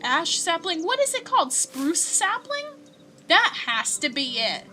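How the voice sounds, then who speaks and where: A woman's voice: very high-pitched, sing-song, measured pace, sharp tone, soft background music. A young woman streamer chatting casually as she plays a game, reading chat and giggling often. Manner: chatty and giggly, coos at pets. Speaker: gaming streamer.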